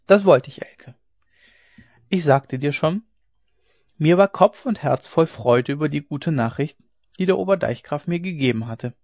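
A man voicing an earnest young male dike master who speaks with firm, warm assurance, on a dry, dull lo-fi recording. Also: on the high side, lively intonation, unhurried, pauses often, no room sound. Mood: recounting.

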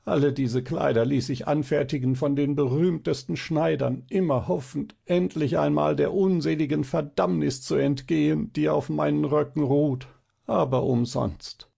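A man's voice: on the high side, steady tone, moderate pace, gravelly, dark tone, husky, exaggerated voice. A male reader voicing a despairing young man who speaks in a broken, whining voice in an audiobook. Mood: lamenting. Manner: whiny, broken voice.

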